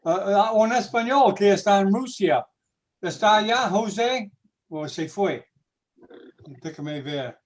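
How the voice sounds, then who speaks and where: A man hosting a video call, halting and searching for words as he switches languages. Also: sits high, expressive. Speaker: host. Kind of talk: casual video call chat.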